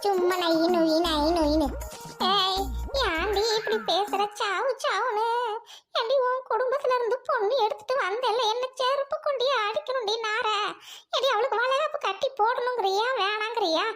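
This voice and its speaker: A woman's voice: moderate pace, a bit bright, faint music behind. A woman voicing a foul-mouthed, scolding old mother-in-law in a family drama. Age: older. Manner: shrill, scolding, cackling insults. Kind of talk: family radio-play acting.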